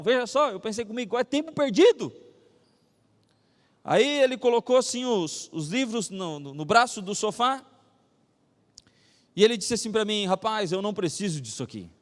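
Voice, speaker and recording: Brazilian male pastor, high voice, animated storyteller, echoey church sound. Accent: Brazilian Portuguese. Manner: animated storytelling, acts out dialogue, slows for scripture. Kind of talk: sermon with personal story and Bible reading. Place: church hall. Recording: reverberant church hall.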